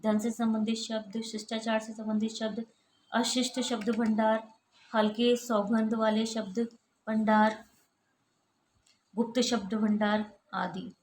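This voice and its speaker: A woman's voice: a little high, level tone, measured pace, darkish tone. A woman who is an assistant professor, giving a recorded college lecture and going steadily through lists of examples. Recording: echoey room with faint ambient noise.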